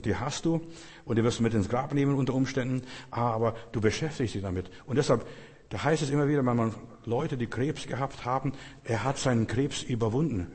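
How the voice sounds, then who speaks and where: A man with a husky voice preaches a sermon, pressing his points through earnest repetition and turning straight to his listeners. His words ring out with a long echo in a large hall. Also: mid-range voice, a little mellow.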